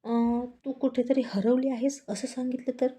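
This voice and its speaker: A woman's voice: sits high, steady tone, normal speed, mellow, voice pushed up, natural voice. Woman doing a sheepish young husband. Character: young husband, fumbling and nervous.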